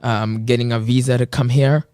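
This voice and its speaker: A young man in his twenties from Kenya, guesting on an interview as a personal trainer. He speaks earnestly in a mid-range voice, pausing often on filler words. The sound is dry and close. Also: medium pitch, fairly even intonation, a little mellow, smooth, no echo. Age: 20s. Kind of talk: casual interview.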